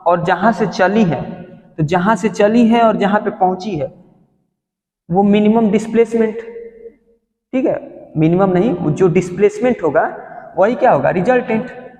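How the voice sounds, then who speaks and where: A man's voice: high voice, unhurried, pauses often, darkish tone. A male physics teacher giving a classroom lesson, explaining through everyday stories and constantly quizzing his students. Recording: echoey hall, dull sound.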